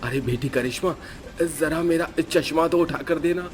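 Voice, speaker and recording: A man's voice: fairly high pitch, moderate pace, a little hiss or hum, natural voice. A man voicing a worried, uneducated middle-aged father in a cartoon, fretting and exclaiming. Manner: fretful, exclaiming.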